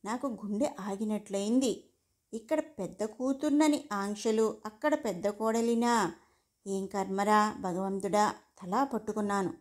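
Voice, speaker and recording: A woman narrating a first-person story aloud in an expressive storytelling manner. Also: medium pitch, measured pace.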